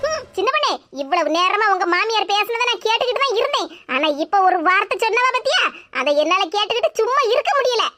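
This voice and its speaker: A woman voicing a bold, sharp-tongued neighbor woman in a cartoon, chatty and outspoken, with a Tirunelveli Tamil accent. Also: very high-pitched, expressive, fast talker, soft background music, full character voice. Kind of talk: cartoon voice acting.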